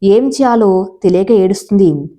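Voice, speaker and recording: A woman storyteller narrating a romantic story in a steady, even way. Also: medium pitch, normal speed.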